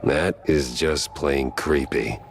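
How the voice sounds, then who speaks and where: A man's voice: very deep voice, slow pace, gravelly, a little hiss or hum, heavily acted. A man voicing a wisecracking hard-boiled mouse detective, wry and incredulous, in a noir video game. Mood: wry, unimpressed. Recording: loud music behind the voice.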